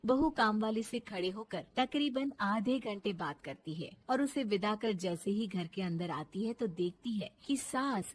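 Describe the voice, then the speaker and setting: Expressive woman storybook narrator. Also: medium pitch, unhurried, hardly any pauses, a little hiss or hum. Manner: expressive, dramatic.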